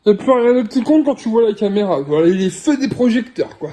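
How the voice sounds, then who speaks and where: A man's voice: sits high, lively intonation, fairly quick, noisy background. A young man filming a casual family vlog at home, joking, swearing and talking baby talk to his infant. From France. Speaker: vlogger parent. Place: home, indoors.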